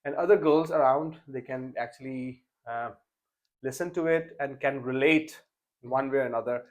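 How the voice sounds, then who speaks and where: A young man with a mid-range voice, speaking at normal speed, hosts an informal interview podcast. He comes across as hesitant, with plenty of fillers and restarts.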